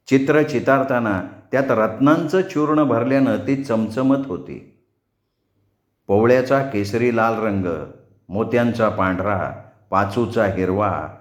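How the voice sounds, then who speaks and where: A male storyteller reading a novel aloud in a measured, descriptive way. He takes his time, with a very slow pace and a mid-range voice. The recording has a noticeable roomy echo. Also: medium pitch. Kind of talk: audiobook narration of a novel.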